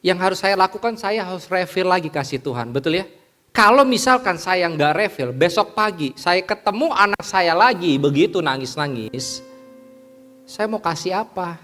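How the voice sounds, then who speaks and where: A male preacher delivers a lively sermon in a church, questioning the congregation and acting out little everyday scenes. His voice sits slightly higher than most men's and swings widely. Soft instrumental music plays behind him. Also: normal speed.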